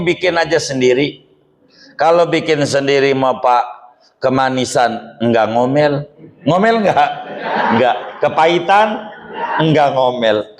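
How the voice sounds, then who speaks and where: A man giving a joking, colloquial Islamic study sermon to a gathering. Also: a little high. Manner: joking, colloquial Jakarta slang. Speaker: religious teacher.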